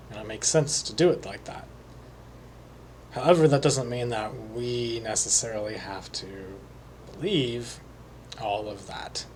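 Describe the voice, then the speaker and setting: A man talking alone as a psychic reader, slowly and hesitantly, with many pauses and fillers. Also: medium pitch, slight background noise. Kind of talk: solo monologue.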